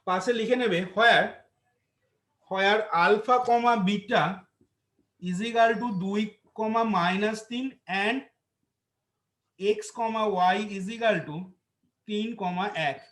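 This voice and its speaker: A man's voice: sits high, steady tone, drawn-out words, long pauses, fairly bright tone. A male maths teacher with a Bengali accent, dictating solution steps to a class and repeating phrases for note-taking. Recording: echoey classroom.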